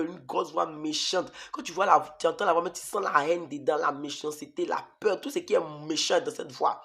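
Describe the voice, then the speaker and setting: A man's voice: a little high, vocal fry, a bit bright. A man preaching an emotional testimony sermon, repeating phrases emphatically and addressing his listeners as beloved.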